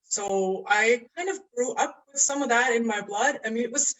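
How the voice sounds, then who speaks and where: An Estonian astrologer and coach joins a casual interview as a guest over a video call, sounding relaxed and conversational. She's earnest and unhurried, often pausing to search for words, and laughs easily. Her pitch is fairly high, and the recording is rough.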